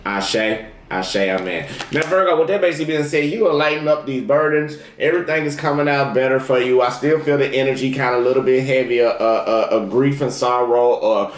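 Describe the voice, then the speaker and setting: A man's voice: mid-range voice, steady tone, fast, few pauses, roomy sound. A man talking casually and directly as a tarot reader, repeating affirmations and warnings to his viewers. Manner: repetitive affirmations, folksy and direct. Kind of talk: casual spoken tarot reading.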